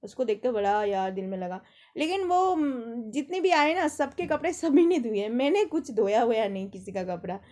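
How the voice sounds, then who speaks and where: Young woman, high voice, just chatting away, rambling stories from her life. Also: animated, moderate pace, a little mellow. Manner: chatty, rambling anecdotes with mimicked quotes. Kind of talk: casual storytelling monologue.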